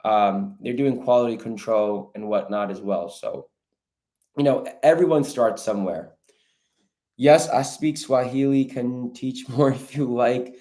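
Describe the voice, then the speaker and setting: A man hosts a livestream Q&A, answering viewer questions in a casual coaching style aimed at online sellers and calling his audience bro and guys. His medium-pitched voice is mellow and unhurried.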